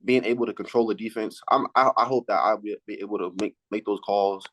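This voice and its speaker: Low-voiced, halting teenage male athlete. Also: steady tone, a bit bright, poor audio. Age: late teens, high school senior. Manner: halting, repeats words as he thinks. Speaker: athlete interviewee. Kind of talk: casual sports interview answers.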